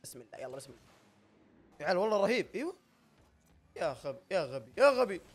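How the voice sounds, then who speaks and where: Rapid-fire excitable gamer guy. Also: on the high side, breathy edge. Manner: loud, shouting and laughing at his own plays. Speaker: gaming YouTuber. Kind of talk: excitable gameplay commentary.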